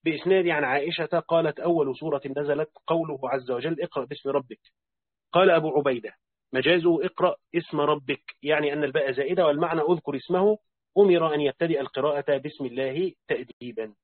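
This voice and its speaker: A man reading a classical religious commentary aloud in a steady, formal, recitation-like way, now and then correcting himself. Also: on the high side, quick pace, no room sound. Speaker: audiobook reader. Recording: dry phone-like narrow sound.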